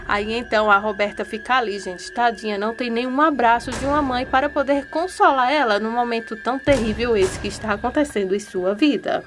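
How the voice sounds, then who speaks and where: A woman retelling telenovela episodes in a casual, chatty way, joining her sentences with fillers. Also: a little high. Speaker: telenovela recap narrator.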